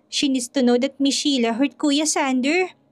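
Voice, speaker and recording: A woman voicing an anxious little girl who pleads in a slow, high child's voice. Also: steady tone. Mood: pleading.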